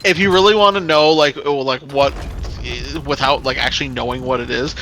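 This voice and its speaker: A young man hosting a game let's play, telling a story in a casual, animated, profane way with lots of laughter. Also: medium pitch, brisk, a little hiss or hum. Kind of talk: casual storytelling while gaming.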